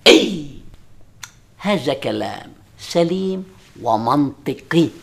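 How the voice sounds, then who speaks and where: A man's voice: animated, takes it slowly, vocal fry, heavily acted. An actor with a Lebanese accent playing a teasing, exasperated husband and father in a sitcom, mocking one moment and coaxing the next. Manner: mocking, wheedling, swings from booming to soft coaxing. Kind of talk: sitcom acting.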